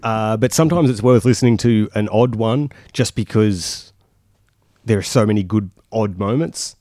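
A man's voice: fairly low pitch, moderate pace, dark tone, dry recording, clean studio sound. A man co-hosting a podcast in casual chat, laughing often and trailing off mid-sentence. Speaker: podcast co-host.

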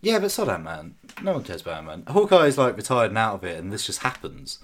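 A man reviewing a film in a scripted segment and then chatting casually as a podcast co-host, lively and opinionated. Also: lowish voice, quick pace.

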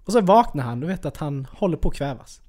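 Man, podcast co-host, casual chat, somewhat high voice, lively intonation. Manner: chatty, reacts and tells anecdotes.

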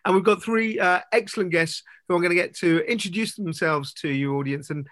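A man hosts an interview podcast, his voice sitting a little high. He talks in a loose, meandering way, leaning on "sort of" and "you know." The sound is dry and close, with no room around it. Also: a little fast, a bit bright, no echo. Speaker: podcast host. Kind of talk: conversational interview hosting.

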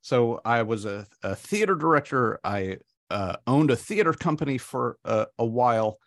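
A man's voice: mid-range voice, lively intonation, normal speed, fairly bright tone, dry recording. Man talking hesitantly in a dry room. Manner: hesitant, many fillers. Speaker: podcast guest. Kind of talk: casual interview talk.

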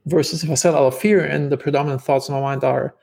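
On a podcast, a guest with a German accent spins casual stories, talking a lot and often restarting or using fillers. He has a fairly high, steady, quick, gravelly voice with a darkish tone.

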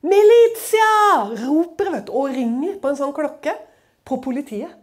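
A woman's voice: high-pitched, mellow. A woman speaking at a church, telling a personal testimony as a dramatic, chatty story full of conversational fillers.

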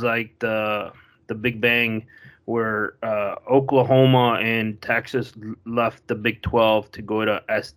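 Halting man explaining on a podcast. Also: mid-range voice, a bit bright. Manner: halting, restarts often, explains at length. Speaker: podcast co-host. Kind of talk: casual podcast chat.

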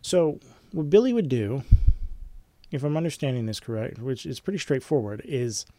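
A man's voice: medium pitch, animated, moderate pace, warm tone, no room sound. A man teaching a film studies class in an informal, rambling way, with frequent ums and restarts. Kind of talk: informal online lecture.

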